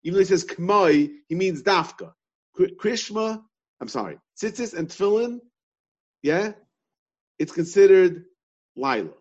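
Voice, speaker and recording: Man, talmud class teacher, repetitive, slightly high voice, dull lo-fi sound. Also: lively intonation, a little slow, pauses often, breathy edge. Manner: repetitive, questioning, restarts often.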